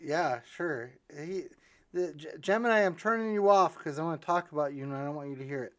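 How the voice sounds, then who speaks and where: A man's voice: lively intonation, fairly quick, fairly bright tone. A man hosting a podcast, telling a long joke in a rambling way, with restarts. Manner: rambling storyteller, restarts, jumps to high voices for punchlines. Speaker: podcast host.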